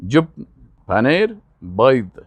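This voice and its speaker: Lively male Arabic teacher. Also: mid-range voice, breathy edge, no room sound. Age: older. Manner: pronounces each word slowly and loudly, then quickly explains. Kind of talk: classroom vocabulary lesson.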